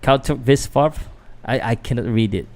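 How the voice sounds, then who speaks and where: Speaking at a medium pitch, a bit slowly and with a slightly mellow quality, a young Filipino channel host gives casual play-by-play of a boxing bout. He hesitates a lot, leans on fillers, and keeps chatting with his viewers.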